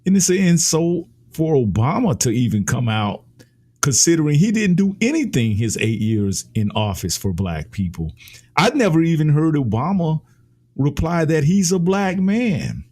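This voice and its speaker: In a fairly high, sing-song voice with a darkish tone, a man from the United States gives political commentary at a normal pace. He is opinionated and emphatic and keeps repeating phrases for effect.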